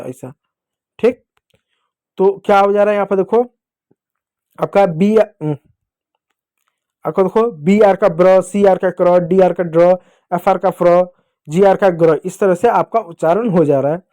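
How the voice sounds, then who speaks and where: A man's voice: high-pitched, a little mellow. A male teacher with an Indian Hindi accent, giving a lesson to children and patiently repeating points and answering his own questions.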